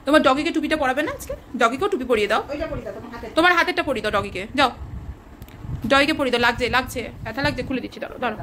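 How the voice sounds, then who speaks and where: A young woman with a high, light voice chats to her small child while filming a home video. Her speech is playful and coaxing, full of baby talk. A faint hiss sits under the recording. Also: animated, very fast, pauses often, pushed and bright. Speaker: mother filming her toddler.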